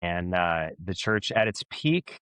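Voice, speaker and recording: A man's voice: sits low, animated, slow, a bit bright, clear, resonant tone, dry recording. A man from Southern Oregon, a guest musician, telling easygoing stories in casual chat with frequent restarts. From Southern Oregon, USA. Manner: easygoing storytelling with many restarts.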